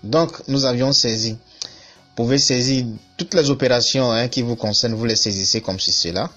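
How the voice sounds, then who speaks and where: A man giving a screen-recorded accounting software tutorial, repeating himself and checking in often with the listener. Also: medium pitch, moderate pace. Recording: dull lo-fi voice-over with faint music.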